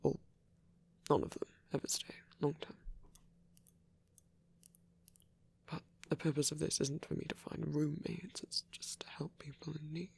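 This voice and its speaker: A devout, caring male vampire priest is acted out in this intimate ASMR roleplay, his very breathy voice frequently dropping to a whisper with a creaky edge. Gentle and thoughtful, he uses measured, slightly formal phrasing at a medium pitch. The delivery is flat, and the mood comes across as gentle and reserved.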